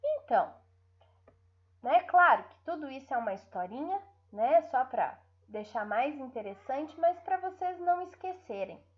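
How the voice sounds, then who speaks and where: A woman teacher with a Brazilian Portuguese accent gives young pupils an online lesson in a high, sing-song voice, heard through dull audio. She draws out her syllables and checks in with her listeners frequently.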